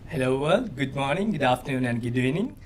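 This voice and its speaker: A man's voice: medium pitch, big pitch swings, quick pace, slight background noise. A man from Sri Lanka, a student panelist, introducing himself in an upbeat way with many hesitations.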